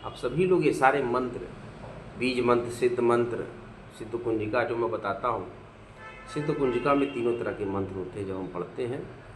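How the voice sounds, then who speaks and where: A man giving a devotional talk, earnestly urging listeners and chanting long lists of sacred names in a steady rhythm. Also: medium pitch, moderate pace, roomy sound, a little hiss or hum, poor audio. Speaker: devotional speaker. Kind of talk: devotional talk with mantra recitation.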